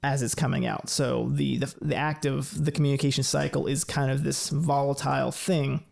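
A man talks through ideas in an easygoing conversational way. His voice has a heavy gravelly fry, and he thinks aloud with light laughs. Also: mid-range voice, flat delivery, normal speed, darkish tone. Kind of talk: casual explanatory chat.

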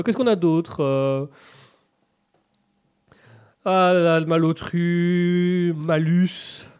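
A man's voice: on the high side, a little mellow, smooth. A man with a cold hosting a live radio and Twitch show, upbeat, reading out viewers' chat comments. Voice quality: congested, stuffy. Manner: upbeat, reads out chat comments, lots of restarts. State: has a cold.

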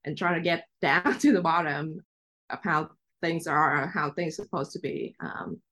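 Speaking a little slowly, this guest journalist has a low, expressive, slightly bright voice. She is a young woman from Vietnam whose first language is Vietnamese. In casual interview talk, she recounts her story chattily and reflectively, laughing lightly now and then.

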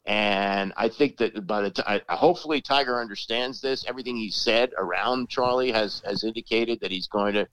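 A middle-aged man chatting casually as a sports commentator, emphatic and halting, often repeating words as he makes his point. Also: on the low side, a bit bright, clean tone, low-quality recording.

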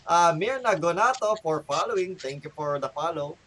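A man's voice: on the high side, expressive, moderate pace, background noise. A middle-aged Filipino man hosting a casual podcast, rambling and laughing often. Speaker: podcast host.

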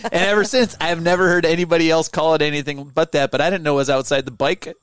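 A man hosting a casual podcast chat, laid-back, laughing often and trailing off quietly. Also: on the high side, steady tone, fast talker, smooth, dry recording, studio quality. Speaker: podcast host.

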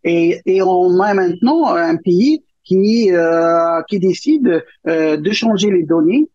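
A man's voice: sits high, animated, takes it slowly, darkish tone, no echo, dull audio. A man as a guest analyst on a debate panel, talking hesitantly with many restarts but firm views.

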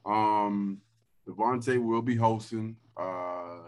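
Laid-back man in his thirties, low voice. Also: slow pace, a little mellow. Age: 30s. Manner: laid-back, says "dog" and "man" often. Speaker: podcast host. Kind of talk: casual chat. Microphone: video call.

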